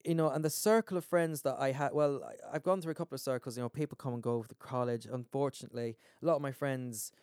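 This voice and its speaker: A man's voice: mid-range voice, fast, hardly any pauses, a little mellow, dry recording, clean studio sound. A man with an Irish accent in casual chat as a podcast host, rambling emphatically with swearing and frequent "man". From Ireland.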